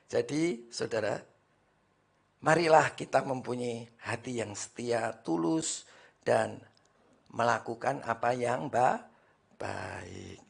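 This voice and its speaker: Slow, gravelly male preacher. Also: medium pitch, animated. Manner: emphatic preaching, often addressing the congregation. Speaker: pastor. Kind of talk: sermon. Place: church service.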